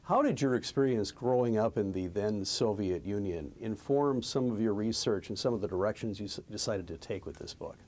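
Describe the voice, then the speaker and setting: A middle-aged man hosting a studio interview, reading a formal introduction and asking questions in a measured way. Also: on the low side, darkish tone. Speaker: host. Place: studio set.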